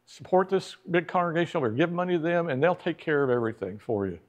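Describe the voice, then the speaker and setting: Talking fast in a fairly high-pitched voice, a middle-aged man leads a church history class inside a church classroom. His style is conversational: he quizzes the class and performs the voices of the figures he quotes.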